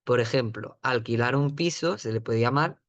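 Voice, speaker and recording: A man teaching vocabulary in a patient, explanatory lesson, often checking in with the listener and repeating words slowly at a higher pitch. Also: no room sound. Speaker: Chinese teacher.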